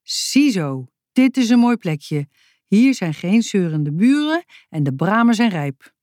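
A storyteller voicing a calm, friendly and very strong father who stays unbothered, in a read-aloud children's story. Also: medium pitch, slow pace, dry recording, clean studio sound.

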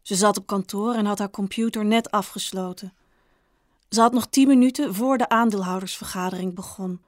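A woman author reading her own short story aloud in a calm, measured, understated way. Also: mid-range voice, no echo, clean studio sound. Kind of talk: audiobook narration.

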